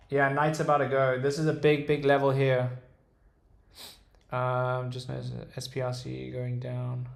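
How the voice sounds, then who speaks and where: Streaming from Dubai, a young day trader with a British accent talks casually through his charts and reads out chat messages. He's relaxed but halting, with many fillers and restarts, his low-melody voice turning gravelly at the edges. The audio carries a roomy echo.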